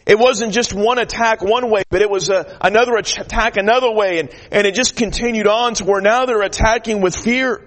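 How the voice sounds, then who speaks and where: A man with a high-pitched voice delivers a sermon. He talks earnestly, restarts phrases often, and rises into emphatic declarations about prayer and battle. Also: fairly quick, few pauses, a bit bright. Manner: shy by nature. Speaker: traveling preacher.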